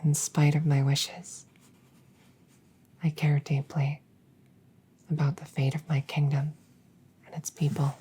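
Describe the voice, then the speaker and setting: A woman plays a young princess in an intimate, ASMR-like roleplay audio drama, her voice low, soft, breathy, and often whispering. She sounds earnest and gentle, speaking slowly and deliberately in hushed tones with coy pauses. Her delivery is flat yet the voice is exaggerated.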